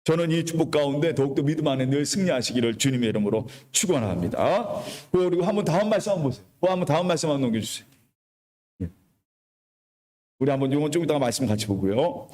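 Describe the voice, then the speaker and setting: A male pastor delivers a sermon in a somewhat high voice. He tells the story in a chatty, everyday way and has the congregation repeat his words. The sound carries a long church-hall reverb. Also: expressive, fast, a little mellow. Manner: preaching with call-and-response to the congregation; retells the story in colloquial storytelling tone. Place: church sanctuary.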